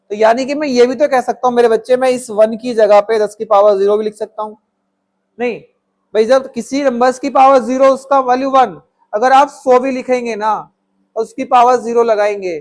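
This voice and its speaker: A man with a notably high voice explains place value to students. He mixes English number words into Hindi and answers his own questions on their behalf. He keeps checking they follow with short "all right?" tags. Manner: talks students through steps, voicing their answers himself; calls the viewer "my child" affectionately. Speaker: maths teacher. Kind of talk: classroom maths lesson.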